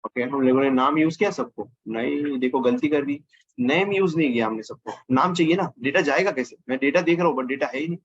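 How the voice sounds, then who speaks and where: A man's voice: medium pitch, a little fast, breathy edge, muffled recording. A man teaching a casual coding lesson over his screen, thinking aloud and correcting himself as he goes. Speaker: programming teacher.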